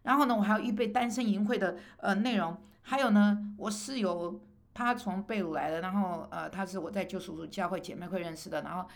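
Gravelly middle-aged woman preacher. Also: medium pitch, a little fast. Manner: emphatic, rising on rhetorical questions. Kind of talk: personal sermon testimony.

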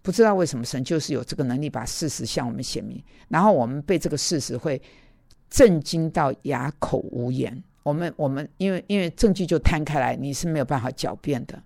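A man's voice: fairly high pitch, fairly quick, creaky, darkish tone, dry recording, studio quality. A man preaching in an earnest, self-critical way, telling personal stories and talking straight to his listeners.

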